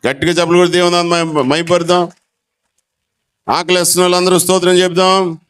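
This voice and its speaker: A man preaches in church. His voice sits a little high and sounds smooth and resonant. He moves between loud calls to the congregation and soft, low asides, and acts out conversations as he goes. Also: quick pace. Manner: animated preaching, with sudden drops to a low, soft voice. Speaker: pastor. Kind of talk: sermon.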